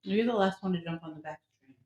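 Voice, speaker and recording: A woman's voice: mid-range voice, quick pace, mellow. A woman co-hosting a casual talk radio show, chiming in with dry, teasing remarks. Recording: echoey room with faint noise.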